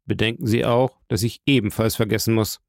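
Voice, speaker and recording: A man's voice: fairly low pitch, steady tone, a little fast, no echo, natural voice. A man playing a stern state prosecutor who argues with dry firmness and feverish rhetoric. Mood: firm. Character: stern, bitter male state prosecutor, fervent.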